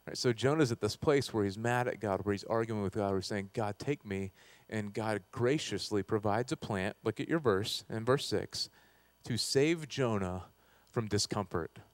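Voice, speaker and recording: A man's voice: normal speed, no echo. A man preaching a sermon as pastor, talking conversationally, often checking in with "right?" and swelling with passion at key moments. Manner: conversational, keeps asking "right?"; passionate, rises loud and high at times.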